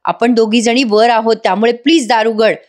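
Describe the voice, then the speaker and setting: A woman's voice: on the high side, steady tone, brisk, lightly acted. Woman reading as an earnest young heroine. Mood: pleading. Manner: earnest, coaxing.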